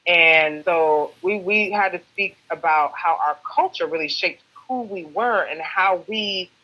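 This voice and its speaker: Ugandan-born woman guest, bright voice, lively storyteller on a video interview. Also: on the low side, a little slow, rough recording. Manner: animated, expressive storytelling. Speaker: guest, personal brand strategist and author. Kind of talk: casual interview answers.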